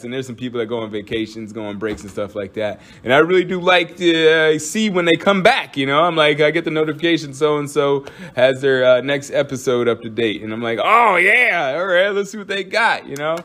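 A man hosts his own casual solo podcast, rambling and joking with plenty of fillers and restarts. His voice is fairly high and fairly bright, and he talks fairly quickly with hardly any pauses.

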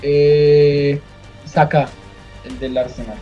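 A man's voice: on the high side, level tone, very slow, soft background music. A man in casual podcast banter, hesitating with fillers as he tries to recall names. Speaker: podcast co-host playing a trivia game. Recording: dull, slightly lo-fi mic.

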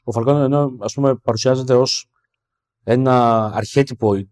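A man co-hosting a casual film discussion podcast, thoughtful, restarting sentences with fillers and often trailing off quietly. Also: mid-range voice, fairly even intonation. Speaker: podcast co-host.

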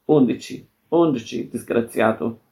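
A man reading aloud the lines of a quick-tempered adventurer, sounding exasperated. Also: medium pitch, creaky. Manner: shouting, exasperated.

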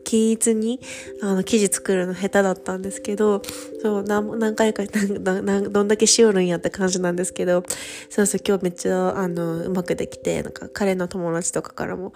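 A woman's voice: medium pitch, level tone, fairly quick. A woman in her thirties hosting a casual solo radio chat, chatty with many fillers and a light lilt. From Japan. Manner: chatty, many fillers, soft laughing asides. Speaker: podcast host, study-abroad coordinator. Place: home in Paris.

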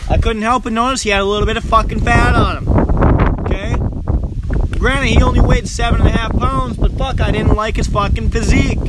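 Man, raised pitch, profane insulting rant, growly drops, wind noise outdoors. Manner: menacing low growl, insulting, heavy swearing.

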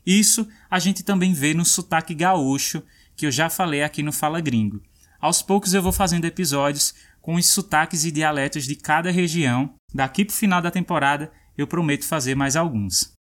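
A man hosting a language lesson, explaining and demonstrating pronunciations clearly. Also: a little high, normal speed. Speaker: host.

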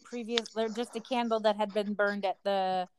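A woman co-hosts a podcast in a casual chat style. Her voice sits at a middling pitch for a woman. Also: fairly even intonation, moderate pace, crowd noise.

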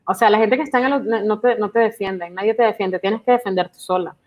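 A young Venezuelan woman co-hosts a relaxed podcast, telling her stories with animation. She acts out what people said to her, with a middle-pitched voice. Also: fast, lo-fi sound. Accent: Venezuelan Spanish. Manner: animated storytelling, acts out quoted lines. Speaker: podcast co-host. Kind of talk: casual chat.

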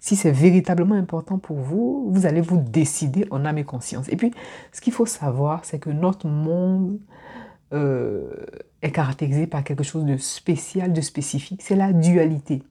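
A woman's voice: low-pitched, normal speed, mellow, slightly rough. A woman from Ivory Coast, giving a reflective motivational talk straight to the viewer and often repeating words as she thinks. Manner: reflective, repeats words while searching for them. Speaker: personal development speaker.

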